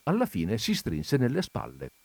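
A man narrating a comic short story in an expressive, measured storytelling manner. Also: mid-range voice, gravelly, no room sound. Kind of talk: audiobook reading of a comic story.

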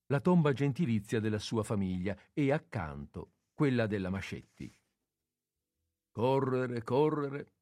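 A man narrating a literary audiobook in a measured, expressive way, with pauses between phrases. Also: on the low side, no room sound, studio quality.

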